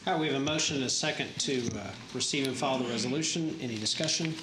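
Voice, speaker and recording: Male meeting chair, mid-pitched, procedural talk, echoey chamber with background noise. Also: fast talker. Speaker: presiding county judge, meeting chair. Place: government meeting chamber, indoors. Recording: echoey, noisy public meeting room.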